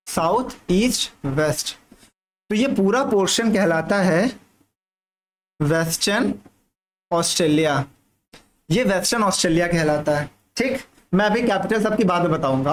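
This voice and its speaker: Guy teaching exam prep over a map, pretty high voice, keeps saying ok ok, a bit of hiss behind. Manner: repetitive, checks in with "thik hai" constantly; drawls key terms slowly. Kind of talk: general studies lesson over a map.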